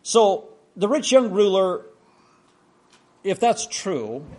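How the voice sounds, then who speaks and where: A man's voice: high-pitched, sing-song, slow, darkish tone. A man preaching a sermon, telling stories in a conversational way with frequent restarts.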